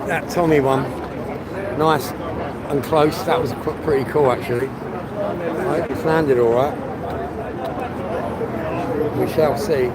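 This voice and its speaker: A man livestreams from a busy city street with loud crowd noise around him, speaking slowly in a voice on the high side with long pauses. He greets viewers by name, chats casually, and swears a lot.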